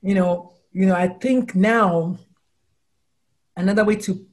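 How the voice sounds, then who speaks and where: Speaking slowly, a woman aged 40 or older, a U.S.-based doctor and life coach, chats in a casual interview. She tells animated stories and performs the quotes as high exclamations.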